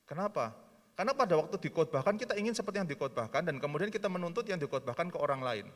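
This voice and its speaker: A man's voice: on the high side, lively intonation, rapid-fire, fairly bright tone. A man, a pastor, answering a question at a church seminar, speaking with passion and rising sharply when he voices prayers. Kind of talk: seminar teaching with Q&A. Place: church hall. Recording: long hall reverb with faint music.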